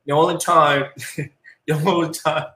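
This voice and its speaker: A man's voice: a little high, level tone, sharp tone, roomy sound, low-quality recording. A man in casual conversation with an old friend, teasing him and laughing as he recalls old times. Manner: teasing, laughs while telling, drawn-out delivery. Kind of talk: casual chat.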